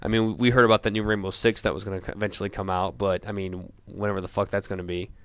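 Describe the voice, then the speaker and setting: Drunken, rambling man with a lowish clear voice. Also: little pitch movement, dry recording. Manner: drunken, rambling and halting, repeating himself. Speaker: gamer ranting about video games. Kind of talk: off-the-cuff profane rant.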